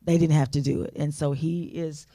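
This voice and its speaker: A woman's voice: sits low, steady tone, normal speed, dark tone, no room sound, clean studio sound. A woman author being interviewed on a talk show, speaking earnestly and often of faith and blessing. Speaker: author and guest.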